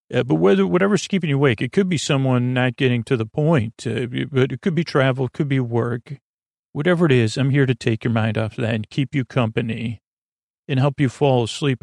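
A creaky-voiced man hosts a bedtime podcast, delivering a soothing, low-key improvised monologue that meanders and stumbles over words. The studio-quality recording has no echo.

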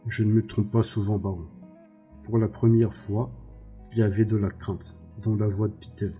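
A man voicing a cold, calculating advisor with a sly, measured delivery. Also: on the low side, level tone, dark tone, highs cut off, soft background music, close to an everyday voice. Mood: defensive.

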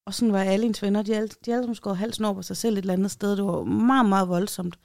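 An animated woman tells a story on a podcast and slips into other voices for the people she quotes. She sounds dry and close to the mic, with a middle pitch. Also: creaky, dry recording. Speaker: podcast co-host. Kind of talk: casual storytelling chat.

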